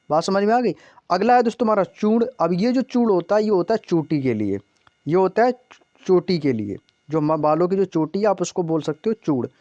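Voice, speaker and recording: Male tutor, high voice, dry and slightly dull recording, quizzes listeners as he explains. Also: a little mellow, no room sound. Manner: repeats questions to the class, calls listeners "friends". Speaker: Hindi teacher. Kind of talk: exam-prep grammar lesson.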